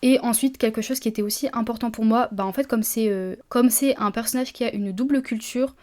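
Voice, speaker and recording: A chatty woman talks straight to her listeners in a casual solo podcast. Her voice sits a touch high, and she often stops and restarts her sentences with lots of fillers. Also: a little fast, darkish tone. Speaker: publisher and podcast host.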